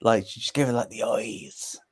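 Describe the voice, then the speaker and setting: A young guy doing relaxed live fight commentary, laughing easily and catching viewers up on the action. His voice sits at an ordinary middle pitch, neither high nor low. He talks in a loose, easygoing way. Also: normal speed, slightly rough. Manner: chatty, laughs often, recaps for viewers. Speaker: co-host of a fight watchalong.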